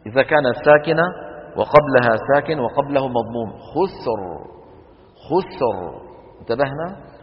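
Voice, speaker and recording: A man teaching Quran recitation rules to a class, quizzing students with quick questions and chanting the examples slowly. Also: mid-range voice, lively intonation. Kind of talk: classroom lesson on tajweed rules. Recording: dull lo-fi recording with long hall reverb.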